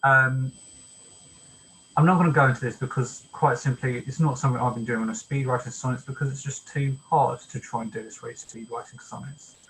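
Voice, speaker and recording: A man of average pitch leads a poetry workshop, explaining ideas step by step. He talks casually and hesitantly, filling pauses with ums. A faint hiss of noise sits under the recording. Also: steady tone, fairly bright tone, poor audio. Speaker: workshop leader. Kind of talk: informal online workshop lecture.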